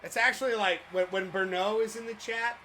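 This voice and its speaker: A man's voice: sits high, fairly even intonation, fairly quick, sharp tone, a little hiss or hum. A man co-hosting a live sports stream, chatting casually and rambling with lots of fillers while reading out viewer messages. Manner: loose and rambling, many fillers and restarts.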